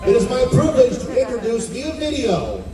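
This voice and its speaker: High-pitched showman host on echoey PA. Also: wildly swooping pitch, fairly quick, recorded from a distance, heavy background noise. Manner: theatrical showman, alliterative patter. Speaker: event host. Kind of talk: live stage presenting. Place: event stage. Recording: echoey PA from afar, loud music, crowd.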